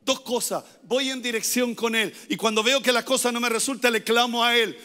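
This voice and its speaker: A man preaching as a pastor, emphatic, repeating his phrases and rising at times to shouted pleas. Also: very high voice, steady tone, normal speed, long reverb tail. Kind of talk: sermon.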